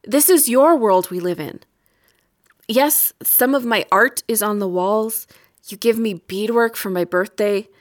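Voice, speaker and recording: Acting in an audio drama, a woman with a fairly high voice portrays a tired, resentful wife. She speaks with a bitter mood, her measured, pointed delivery carrying a quiet bitterness.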